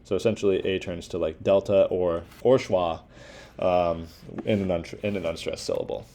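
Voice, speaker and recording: A man's voice: sits low, steady tone, moderate pace, mellow. A young man giving a casual class presentation, talking informally with many fillers and restarts. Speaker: student presenter.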